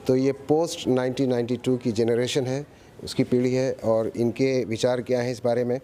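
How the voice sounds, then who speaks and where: A man's voice: medium pitch, steady tone, moderate pace, warm tone, a little hiss or hum. A man reporting from the street, asking probing questions and restating the answers back. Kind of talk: street interview.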